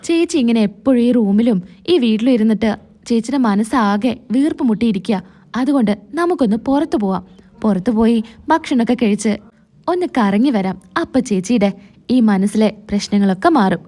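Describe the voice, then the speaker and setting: A woman's voice: fairly high pitch, lively intonation, normal speed, mellow, voice pushed down. A woman reading the lines of a caring younger sister-in-law, coaxing and soothing.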